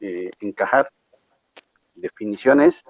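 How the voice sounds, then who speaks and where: A man's voice: on the low side, slow, no room sound, highs cut off. A male lecturer patiently explaining exam rules to a class, often checking that students follow. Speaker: university lecturer.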